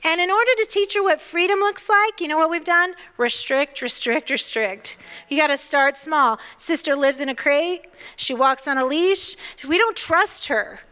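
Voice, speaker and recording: A woman in her fifties preaching a sermon, expressive and playful, dropping to a hush for emphasis. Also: extremely high pitch, normal speed. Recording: long hall reverb.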